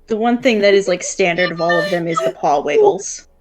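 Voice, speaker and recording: A woman's voice: fairly low pitch, sing-song, fairly quick, over loud music. A woman chatting casually on a live stream, talkative and laughing often. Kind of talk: casual chat.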